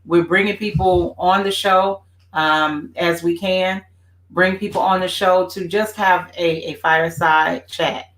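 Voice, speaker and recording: A woman's voice: fairly low pitch, steady tone, unhurried, fairly bright tone. A woman co-hosting a family faith talk show, chatting reflectively and agreeing with her partner, with many "you know" fillers. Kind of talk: casual conversation. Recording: roomy echo.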